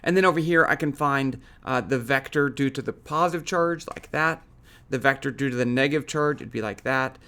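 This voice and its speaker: A man's voice: medium pitch, fairly quick, bright, forceful tone, smooth. A man hosting a physics coding tutorial, talking casually and thinking aloud with fillers and small self-corrections.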